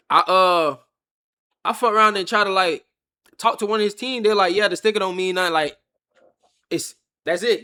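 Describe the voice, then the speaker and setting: A young man tells a story straight to his live chat. His voice sits high and sounds bright and forceful. He jumps into the other people's lines as he goes, animated and loose. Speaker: streamer telling a story. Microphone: webcam or phone on a stand.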